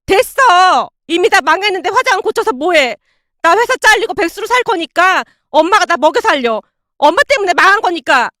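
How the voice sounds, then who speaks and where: Casting: a woman playing an upset young daughter, shrieking high, very lively pitch. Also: normal speed, no echo, studio quality, exaggerated voice. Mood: sobbing. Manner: wailing, yelling.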